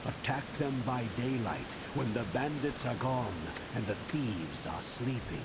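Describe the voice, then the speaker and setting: An actor playing a wise, solemn old ninja master in a video game, with measured, deliberate delivery. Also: male voice, mid-range voice, lightly acted. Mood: grave, commanding. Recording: loud hiss over game audio.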